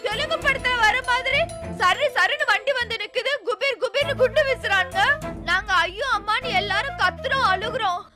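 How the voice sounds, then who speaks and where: An actress playing a dramatic young wife who wails and complains melodramatically in a TV serial. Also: female voice, very high-pitched, normal speed. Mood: wailing. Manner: melodramatic, wailing comic complaints. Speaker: daughter-in-law. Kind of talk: TV serial acting. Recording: TV serial soundtrack with loud music.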